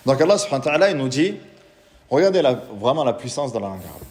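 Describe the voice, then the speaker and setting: An imam speaks to a live audience in a religious lecture, patient in his explanations, asking the room questions, and reciting Quranic Arabic. His medium-pitched voice is sing-song and a little mellow, with a quick pace. The hall sounds reverberant.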